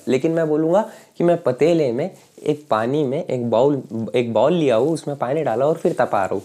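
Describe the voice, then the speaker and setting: A young man lectures to a camera, explaining each idea through everyday examples and often checking whether viewers are following. His voice is fairly high and a little mellow.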